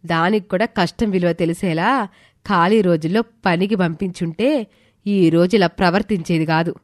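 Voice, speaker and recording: A woman voicing a calm older female friend who gives gentle, measured advice in an audio story. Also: on the low side, dry recording, clean studio sound, lightly acted. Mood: soothing. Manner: soothing and measured.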